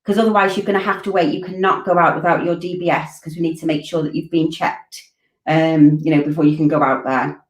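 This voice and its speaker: Speaking fairly quickly in a low voice with fairly even intonation, a college curriculum director in her forties answers viewers' questions on a Q&A stream she runs from home. Her delivery is casual and full of ums and restarts. The audio comes through her laptop webcam on a video call, a roomy, distant-sounding mic indoors.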